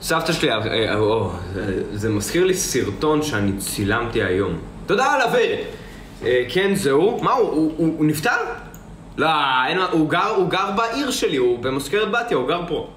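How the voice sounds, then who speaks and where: A man's voice: fairly high pitch, big pitch swings, fairly bright tone, echoey room, slight background noise. A young man chatting casually on a live stream, answering viewers and rambling, often repeating himself. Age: young adult. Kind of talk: casual live-stream chat, reading comments aloud.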